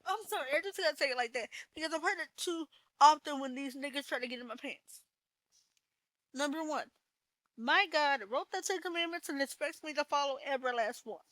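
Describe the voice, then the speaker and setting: A woman's voice: high-pitched, fairly bright tone, no room sound, low-quality recording. A woman hosting a podcast, giving a personal testimony in a blunt, preachy manner and swearing freely. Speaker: podcast host.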